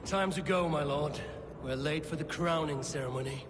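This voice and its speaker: An actor playing a cool, wry Viking warrior in a video game, speaking with controlled, mocking menace. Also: male voice, a little high, normal speed, noisy background, lightly acted. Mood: calm command. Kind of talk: understated video game acting.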